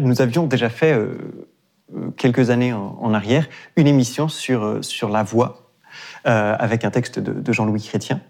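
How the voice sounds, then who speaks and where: A man's voice: medium pitch, darkish tone, slightly rough. A man hosting a philosophy radio program, introducing the topic and asking a question with some hesitation. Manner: hesitant, self-correcting questions. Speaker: radio host. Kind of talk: radio interview.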